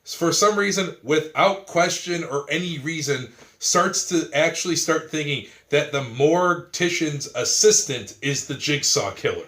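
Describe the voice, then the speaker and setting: A man's voice: a little high, lively intonation, unhurried, hardly any pauses, fairly bright tone. A man in a casual film review chat, retelling scenes with laughter and swearing freely.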